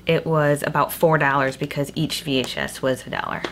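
Low-voiced young woman in a cave-like echo. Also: flat delivery, a little fast. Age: young adult. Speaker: book haul vlogger. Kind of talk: casual book haul chat. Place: small indoor room at home. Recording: echoey cave-like room, clear background noise.

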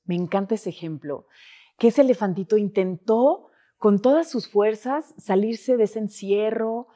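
A woman's voice: medium pitch, unhurried, mellow. A woman with a Mexican Spanish accent hosting an interview, speaking reflectively and searching for words. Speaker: interview host. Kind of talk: conversational interview.

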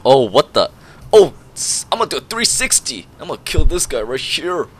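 A young man giving jokey, rambling commentary over a shooter game, breaking into excited yelps and laughter. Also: a little high, normal speed, breathy edge. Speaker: gameplay commentator. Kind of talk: goofy live gameplay commentary.

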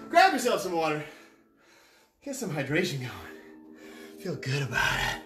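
A fitness coach leading a live workout, energetic and encouraging, counting down reps and puffing out loud breaths while exercising along. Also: mid-range voice, moderate pace. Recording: echoey room with faint music.

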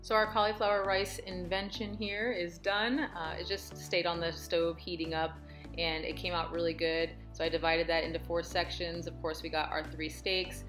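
A woman in her thirties vlogs from her living room and kitchen, narrating her workouts and meal prep in a chatty, upbeat, encouraging way. She is out of breath after exercising. Her lowish voice moves little in pitch at a moderate pace, with music in the background.

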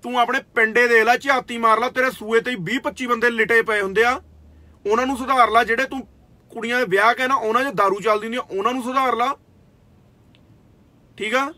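Brief: young Indian Punjabi man, kabaddi player, confrontational scolding rant, very high, sharp bright voice. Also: fairly even intonation, fairly quick, no room sound. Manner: confrontational, scolding, swears, repeats "theek aa". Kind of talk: angry direct-to-camera rant.

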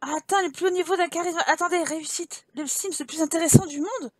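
A woman's voice: extremely high pitch, fairly quick, darkish tone, no room sound. A woman hosting a let's play, giving casual commentary and teasing her game characters as she plays.

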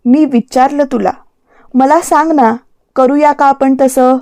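A woman's voice: sits high, fairly even intonation, unhurried, warm tone, no room sound. A woman voicing a hurt, insistent young husband in a storybook reading, pressing with a raised voice. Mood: upset, pressing.

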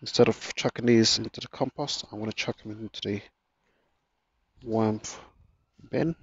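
A man giving a casual how-to narration in his garden, relaxed and chatty with jokey asides, recorded on a handheld phone. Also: on the low side, moderate pace, vocal fry, husky, highs cut off. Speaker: gardening vlogger. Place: home garden, outdoors.

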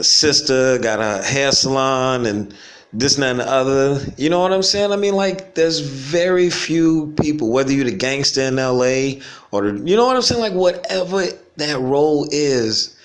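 A laid-back man thinking aloud to his viewers, his talk loose and full of slang. He drifts from point to point in a reflective, rambling monologue, breaking into easy chuckles now and then. His pitch sits in an ordinary middle range for a man. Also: animated, a little slow. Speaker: vlogger. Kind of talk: casual stream-of-consciousness monologue. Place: home in the Caribbean.

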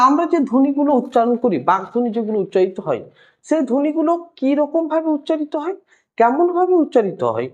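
A woman teaching a language lesson, patient and explaining step by step, repeating key terms slowly. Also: high voice.

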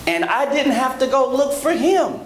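A man in his thirties preaching a sermon from a church pulpit on a handheld microphone, rhythmic, rising to emphatic high peaks, with joking asides to the congregation. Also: sing-song, moderate pace. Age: 30s. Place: large church sanctuary, at a pulpit. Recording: echoey church hall with background noise.

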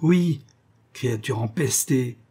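Man reading doing a mad young guy, loud and scornful, husky dark voice. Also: medium pitch, steady tone, moderate pace, lightly acted. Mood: furious.

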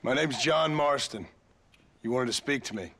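An actor playing a tough, dry-witted gunslinger in a video game, calm and quietly menacing. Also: male voice, mid-range voice, moderate pace. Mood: stern. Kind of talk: video game cutscene acting.

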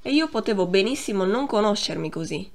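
Woman, audiobook narrator, literary reading, measured delivery, slows on key phrases, mid-pitched voice. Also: animated. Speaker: audiobook reader.

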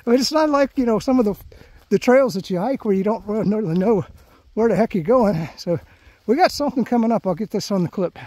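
A man's voice: high-pitched, expressive, a little fast, dark tone, no room sound. A man narrating his hike in a casual, rambling vlog, thinking aloud as he walks and filling his talk with "you know.". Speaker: hiking vlogger. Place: outdoors on a grassy trail through palm scrub.

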